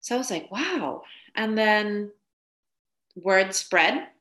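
Guesting on a podcast, a spiritual coach tells her story in a chatty manner, often laughing and saying "like." Her medium-pitched voice is expressive and fairly bright, and she speaks at a slow pace.

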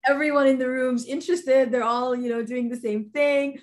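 A woman's voice: high-pitched, fairly even intonation, moderate pace, darkish tone. A woman from Sudan, a guest in an interview, talking enthusiastically with many fillers and restarts. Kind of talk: interview conversation.

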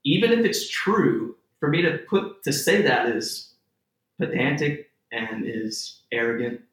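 A man from Texas, a theater-maker guest in a conversational interview, rambling with lots of "like" and restarts, getting animated as he tells stories. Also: medium pitch, measured pace. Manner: rambling, heavy on "like", restarts often, grows animated telling stories. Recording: echoey room.

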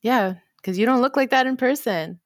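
A woman's voice: on the high side, moderate pace, dry recording, clean studio sound. A woman co-hosting a podcast, chatting casually and giggling often. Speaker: podcast co-host. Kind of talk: casual chat.

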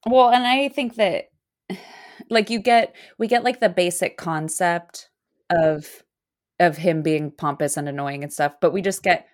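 A woman's voice: fairly low pitch, unhurried. A woman co-hosting a casual fan podcast, talking thoughtfully and hesitantly. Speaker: podcast co-host. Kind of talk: casual chat.

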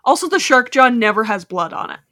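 A woman's voice: on the high side, very animated, a little fast, bright, forceful tone, dry recording, clean studio sound. A woman hosting a casual podcast, recapping a movie's plot in a rambling way with lots of fillers. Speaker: podcast host.

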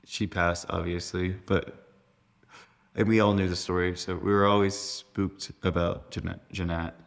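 A man's voice: sits low, level tone, measured pace, gravelly. A young man telling stories as a podcast guest, rambling with lots of fillers and laughs. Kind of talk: casual storytelling chat.

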